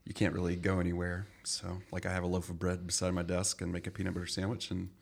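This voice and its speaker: A man guesting on a podcast as a teacher, relaxed and plain-spoken. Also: low-pitched, fast, creaky. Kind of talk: casual chat.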